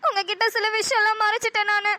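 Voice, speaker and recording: Cartoon: a frightened young woman, Namakkal Tamil accent, very high and bright. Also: flat delivery, fast. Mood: tearful. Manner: tearful, pleading.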